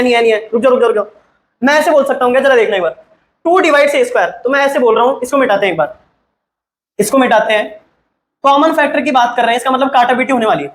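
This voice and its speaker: A man teaching maths, who keeps firing quick questions at his students and mixes English maths terms into Hindi. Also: very high voice, a bit bright, reverberant. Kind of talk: classroom-style maths lesson.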